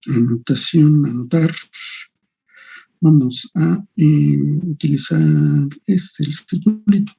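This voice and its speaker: A man's voice: fairly high pitch, slow pace, vocal fry, mellow, breathy edge. Muffled man lecturing. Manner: thinks aloud while working on screen, mutters to himself. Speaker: engineering lecturer. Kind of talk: online class lecture with screen sharing.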